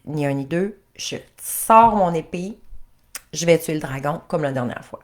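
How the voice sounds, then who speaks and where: A confident young prince charming from a storybook tale, told by a woman. He speaks plainly and briskly, with no flourish. The voice sits a little low. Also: lively intonation. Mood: resolute.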